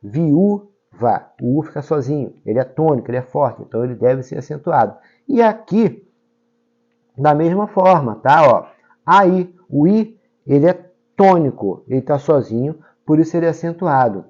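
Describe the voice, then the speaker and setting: A man's voice: on the high side, lively intonation, normal speed, a little mellow, muffled recording. A Brazilian man teaching Portuguese grammar for exams, explaining step by step and checking in often with his students. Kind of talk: exam-prep grammar lesson.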